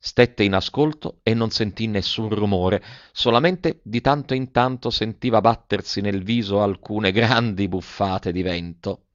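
A man reads a classic storybook aloud in a measured, expressive voice. The recording is dry, with no room echo, and slightly muffled. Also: fairly low pitch. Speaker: narrator. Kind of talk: storybook audiobook reading. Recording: dull, dry audiobook recording.

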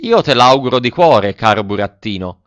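A man's voice: medium pitch, moderate pace, no room sound, close to an everyday voice. A man voicing a resigned, philosophical tuna fish with a cracked, twangy voice like an out-of-tune guitar. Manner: calm, resigned and wry. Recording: dull, dry audiobook recording.

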